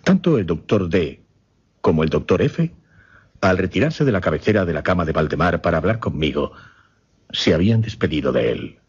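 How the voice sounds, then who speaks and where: A deep, breathy-edged male voice, very animated and exaggerated, plays a grave gentleman hypnotist describing his macabre experiment in radio drama dialogue narration. The mood is somber, the manner formal and deliberate with dramatic pauses, and the recording slightly muffled and lo-fi.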